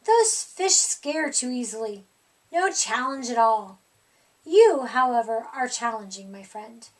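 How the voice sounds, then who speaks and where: A hungry storybook monster, performed by a woman, with a high, theatrical growl heard a little away from the mic. He is teasing and fond, a bedtime scarer who takes his time over each threat. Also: animated, a little slow, distant mic, poor audio.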